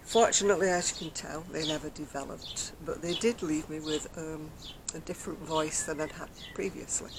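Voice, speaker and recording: Speaking at a moderate pace with few pauses, this older woman gives a casual, rambling chat to camera in a low, very soft voice, quiet since her throat surgery. The craft vlogger is self-mocking and laughs gently, filmed at close range on a decking beside a brick wall, with heavy background noise.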